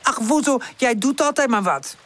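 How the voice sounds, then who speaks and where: A woman voicing a cautious, rule-minded little female puppy in a children's audiobook, high and lively. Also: unhurried. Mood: cross. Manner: hesitant, rule-minded, cross.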